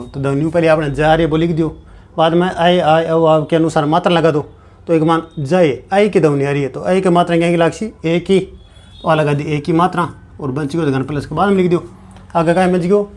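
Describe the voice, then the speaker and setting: A man's voice: on the high side, a little mellow. A man teaching a grammar lesson, repeating each step and answering his own questions. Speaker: Sanskrit teacher.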